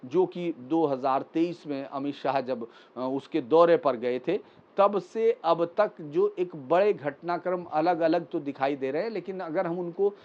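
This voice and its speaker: A man with a fairly high voice walks through the day's news like a commentator, steady and explanatory, pausing often with small fillers. The recording sounds a little dull and lo-fi. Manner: measured, explanatory, frequent pauses and fillers.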